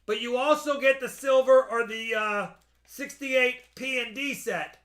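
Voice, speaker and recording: A man hosting a casual live-stream auction, pitching items to buyers and repeating the details as he goes. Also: a little slow, fairly bright tone. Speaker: host selling coins by live auction.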